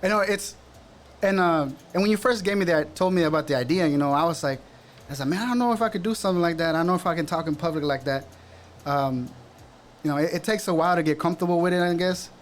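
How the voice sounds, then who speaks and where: Co-hosting a casual sports podcast, a Salvadoran man in his thirties keeps things laid-back, chatty and teasing. He talks fast in a slightly high voice, with a little hiss or hum on the recording.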